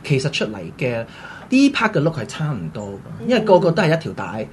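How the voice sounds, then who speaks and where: An animated show host speaks quickly in a Hong Kong Cantonese accent, with pitch swinging widely. The delivery is chatty and repeats phrases for emphasis. There is noticeable noise behind the mid-pitched voice. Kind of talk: lively casual show commentary.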